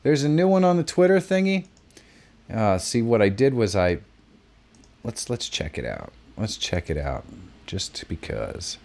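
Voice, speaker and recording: A man hosts a casual live stream, talking straight to his viewers and reading out their messages. His voice sits on the low side but leaps up and down with lively bursts of exclamation. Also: unhurried, background noise. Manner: animated, bursts of exclamations, reads chat aloud. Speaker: host of a live creator hangout.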